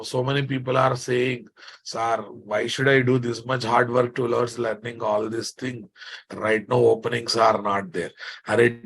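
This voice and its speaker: A man with a Telugu Indian accent lecturing a class as a software instructor, repeating phrases for emphasis and prodding his students with check questions. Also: medium pitch, breathy edge.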